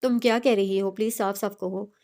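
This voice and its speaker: A woman's voice: mid-range voice, steady tone, brisk, a little mellow, close to an everyday voice. A woman voicing an irritated, impatient female department head in a storybook reading. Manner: curt, irritated.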